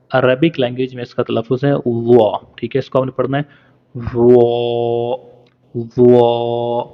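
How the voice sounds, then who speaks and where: A man teaching Arabic letter pronunciation in a spoken lesson, patiently stretching out each sound for practice. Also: mid-range voice. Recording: dull lo-fi recording.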